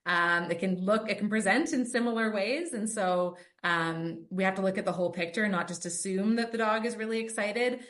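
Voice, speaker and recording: A woman's voice: medium pitch, normal speed, hardly any pauses, a bit bright. A woman hosting a podcast and working as a dog trainer. She talks conversationally and runs through her points with frequent "um" and "like" fillers. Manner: lists points with many "um" and "like" fillers.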